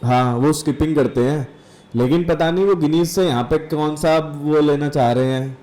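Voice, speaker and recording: A man's voice: fairly high pitch, moderate pace, dark tone. A man hosting a casual podcast chat, asking friendly questions and often laughing. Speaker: podcast host.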